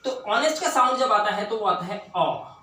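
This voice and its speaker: A man teaching an English grammar lesson, often asking questions and repeating words slowly for emphasis. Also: high-pitched, expressive, pushed and bright, faint music behind. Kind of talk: classroom-style lesson. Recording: echoey room, distant mic, faint hiss.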